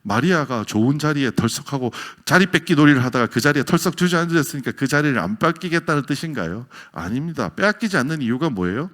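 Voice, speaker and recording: A man preaching a sermon as a pastor, with a Gyeongsang accent, swinging from loud exclamations to near whispers. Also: fairly high pitch, animated, fast, few pauses. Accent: Gyeongsang Korean.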